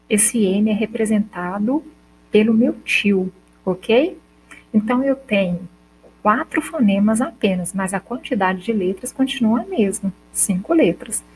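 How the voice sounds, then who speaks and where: A woman teacher with a Brazilian accent explaining a lesson step by step, slowly sounding out example words and checking in with her students. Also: mid-range voice, a little mellow, slight background noise, poor audio. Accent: Brazilian Portuguese. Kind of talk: recorded school lesson.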